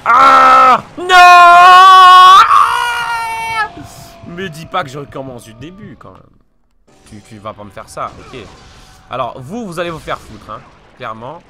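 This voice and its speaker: Young male gamer, slightly ill, animated, cursing and yelling through gameplay over game music. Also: mid-range voice, moderate pace. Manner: swearing, frustrated outbursts and shouts. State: still a bit ill. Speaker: let's play gamer. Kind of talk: live gameplay commentary. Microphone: desk mic.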